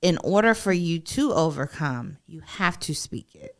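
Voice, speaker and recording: A woman's voice: lowish voice, big pitch swings, unhurried. A woman hosting a podcast interview, drawing out her guest with encouraging, affirming remarks. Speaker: podcast host.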